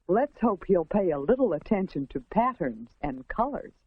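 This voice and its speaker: A woman's voice: fairly low pitch, sing-song, moderate pace, husky, no room sound, narrow, tinny audio. An American woman reading a scripted 1950s instructional film narration in a prim, instructive, carefully enunciated way, on a vintage soundtrack.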